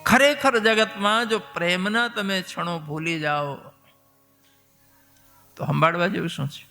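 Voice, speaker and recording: Emotive devotional storyteller, bright high voice. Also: male voice, a little slow, gravelly, soft background music. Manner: emotive, exclaiming.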